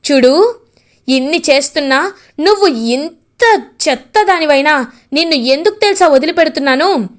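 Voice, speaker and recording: Give me a woman acting as an angry stern mother-in-law, shouting, high voice. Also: lively intonation, moderate pace. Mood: furious. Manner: shouting, threatening.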